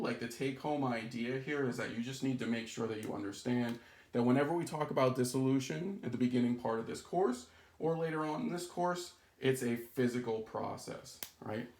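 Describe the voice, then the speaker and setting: A chemistry instructor with a medium-pitched, slightly mellow voice records an introductory lesson. He walks through the material step by step, often checking in with "right?" and "okay?".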